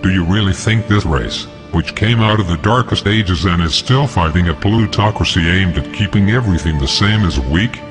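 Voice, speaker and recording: A man reads out a scripted manifesto, defiant and declaiming, his voice disguised and pitched down deep. His pace is moderate with few pauses, and music runs underneath.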